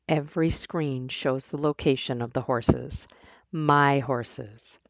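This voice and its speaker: A woman narrates her own novel in the first person, reading at an unhurried pace with the odd restart. Her voice sits low with a gravelly edge. The recording is dry and slightly dull. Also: dry recording.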